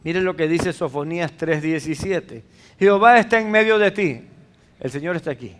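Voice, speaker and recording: A man's voice: on the high side, moderate pace. A man preaching a sermon as pastor, speaking emphatically and asking rhetorical questions.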